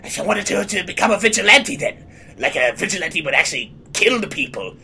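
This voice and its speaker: Male comedy podcast host, forceful bright tone, animated delivery, TV banter, slight background rumble. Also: a little fast, vocal fry. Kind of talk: scripted comic banter about TV.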